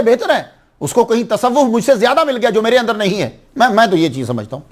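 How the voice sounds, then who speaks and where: A man preaching a sermon, passionate, asking his listeners questions and rising to loud exclaims. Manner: impassioned, rising to high exclaims, addresses audience with questions. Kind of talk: Urdu religious sermon.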